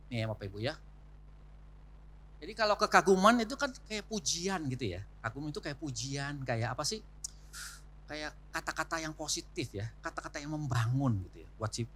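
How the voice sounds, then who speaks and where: A man delivers a church marriage seminar in a chatty, teaching manner, full of rhetorical questions and asides to the couples. His voice is bright and forward. It sits a little on the high side. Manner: warm, conversational teaching with frequent rhetorical asides. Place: church hall.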